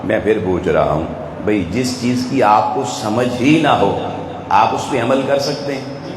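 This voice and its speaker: A man's voice: lowish voice, noisy background. Pakistani man preaching in an echoey hall. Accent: Pakistani Urdu. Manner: rhetorical questions, urging the audience directly. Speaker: religious speaker. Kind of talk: sermon to a live audience. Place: event hall with an audience. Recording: echoey hall, faint ambience.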